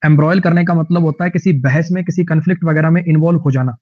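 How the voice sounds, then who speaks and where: Jokey male teacher, haryanvi-tinged hindi accent, kinda high voice, dull muffled sound. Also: quick pace. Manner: chatty, jokey, tells lively anecdotes. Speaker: English vocabulary teacher. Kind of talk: online vocabulary lesson.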